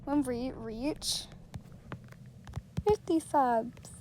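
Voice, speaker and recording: A woman's voice: high voice, drawn-out words, a little mellow, slight background noise. A woman chatting casually to her viewers while playing an online game, giggling often and poking fun at herself. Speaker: gaming channel host. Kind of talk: casual gameplay commentary.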